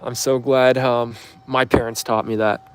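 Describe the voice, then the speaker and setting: A Canadian man in his twenties, with a clean, medium-pitched voice and a level tone, speaks unhurriedly as he hosts a livestream. He tackles viewer questions in a rambling, offhand style peppered with fillers.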